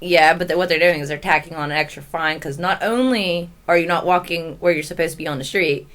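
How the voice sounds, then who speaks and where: Low-voiced woman calmly explaining. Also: brisk. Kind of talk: casual chat.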